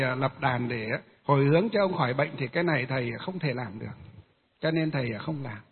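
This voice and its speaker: Monk guy rambling thru a story, lots of uh pauses, kinda husky, phone-thin sound w long echo. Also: on the high side, phone-quality sound. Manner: rambling, many filler pauses. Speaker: Buddhist monk. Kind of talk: storytelling Dharma talk.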